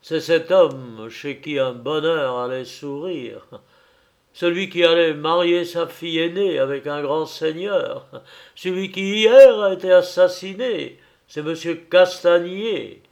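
A man's voice: a little high, expressive, slow, gravelly, full character voice. A man voicing a feverish young son who speaks in emphatic, impassioned outbursts. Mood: exalted.

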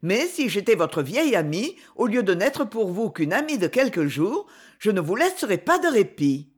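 A woman's voice: medium pitch, very animated, normal speed, breathy edge. An intense, eccentric lady who pleads with fervour and lets her voice rise and fall freely, as a woman reads her part aloud. She speaks in an audiobook character voice. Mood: grave. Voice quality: fervent, pleading delivery.

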